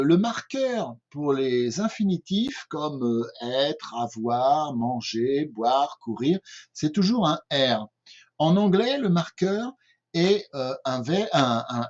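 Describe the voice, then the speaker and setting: A man's voice: a little high, a little mellow. An older man from France with a French accent, giving a patient home-made language lesson and often checking in with his listeners. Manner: patient, repeats himself, often checks with "d'accord?". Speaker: English teacher. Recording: dull lo-fi recording.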